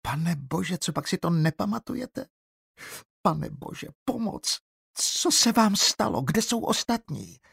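Muž napodobující vyděšenou dospívající dívku. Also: male voice, on the high side, creaky, a little mellow, husky, dry recording, studio quality, pitched above the performer's own voice, heavily acted. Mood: panicked. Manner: shaky, anxious questions. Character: frightened teenage schoolgirl. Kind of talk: audiobook character voice.

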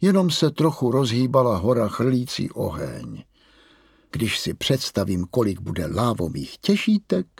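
A man doing a kindly, calm Moominpappa. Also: mid-range voice, vocal fry, husky, dry recording, clean studio sound, exaggerated voice. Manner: slow and friendly. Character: calm, kindly father troll, fond of adventure.

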